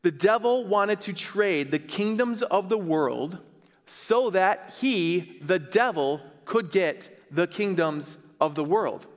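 A man in his thirties, a pastor preaching on a church stage, earnest and emphatic, slowing to stress key phrases. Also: sits high, animated. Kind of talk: sermon. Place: large church stage, indoors. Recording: reverberant church hall.

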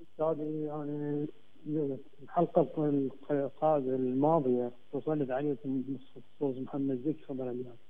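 A man from Mosul calling into a radio show over a faint, low-quality phone line, speaking haltingly and repeating himself. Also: little pitch movement. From Mosul, Iraq. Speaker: caller. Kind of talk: call-in question to a radio show.

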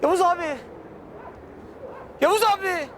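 A man's voice: very high-pitched, measured pace, noisy background. A young adult man playing an exasperated guy stuck in a friend's dream, complaining and pleading. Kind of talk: sitcom acting.

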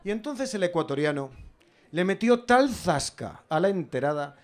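Male stand-up comedian with a Spain Spanish accent, slightly high voice, animated and ironic. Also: moderate pace. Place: stage.

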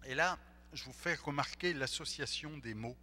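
A man preaching a sermon as pastor, speaking in an animated way and acting out the voices of the people in the story. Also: on the high side, moderate pace. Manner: animated, acts out the disciples' voices. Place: church. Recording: echoey church hall, faint hum.

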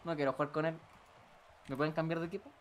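A young man with a Chilean accent streaming a game, teasing his friends with quick, crude banter. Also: on the high side, little pitch movement, slight background noise. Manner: teasing, laughing, swearing. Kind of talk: casual gaming banter.

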